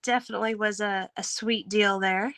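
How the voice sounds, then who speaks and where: A woman's voice: mid-range voice, fairly even intonation, moderate pace, a bit bright, no echo, rough recording. A woman hosting a live online game, chatty and upbeat, who laughs often as she announces the winners. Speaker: host.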